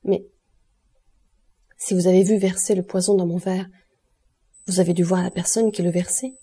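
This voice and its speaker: A frightened young invalid, as a woman reads her asks anxious, pleading questions in an audiobook. The voice is dark and mellow, slightly husky, and a little low. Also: steady tone, normal speed. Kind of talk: audiobook character reading.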